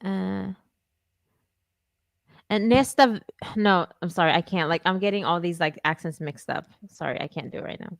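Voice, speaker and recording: Swedish lady cohost, kinda low voice, lots of um and i don't know, dry sound. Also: steady tone, fairly quick, gravelly, hardly any pauses, fairly bright tone, no room sound. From Sweden. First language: Swedish and English. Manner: hesitant, many fillers and restarts, self-conscious. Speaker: podcast co-host. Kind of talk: casual podcast chat.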